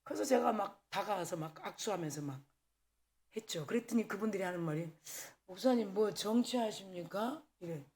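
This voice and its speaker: A woman pastor preaching a sermon at a church service, telling candid personal stories in a lively way and acting out the dialogue. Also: on the low side, a little fast. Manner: candid, animated storytelling with acted-out dialogue.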